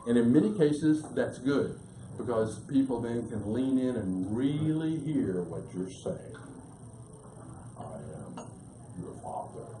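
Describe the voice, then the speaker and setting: A man delivers a seminar to a live audience, running through his points in a rapid, emphatic way. His voice is mellow and of middling pitch. The room around him is roomy and echoing, with a faint hum underneath. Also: expressive. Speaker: business speaker.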